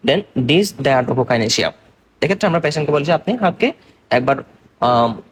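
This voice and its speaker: A young adult man from Bangladesh lectures on medicine with exams in mind, going step by step and slowly in mixed Bengali and English, regularly making sure students are keeping up. He speaks at medium pitch in a sing-song way, with slight background noise.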